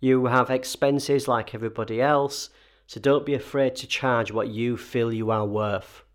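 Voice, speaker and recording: A man's voice: medium pitch, steady tone, unhurried. A man with a slightly wheezy, chesty voice, getting over a cold, hosting a conversational solo advice episode with emphatic key points. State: recovering from a cold and chest infection. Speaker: host advising freelancers.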